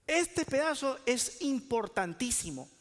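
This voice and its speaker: High-voiced man preaching in a hall. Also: very animated, unhurried. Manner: preaching with questions to the congregation. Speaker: pastor. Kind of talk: sermon.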